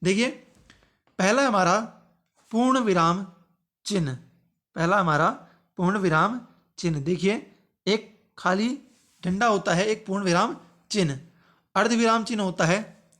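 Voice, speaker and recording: A man teaching a grammar lesson as the channel's host, repeating his phrases and slowing down to read example sentences aloud. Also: sits high, a bit bright. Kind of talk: exam-prep grammar lesson.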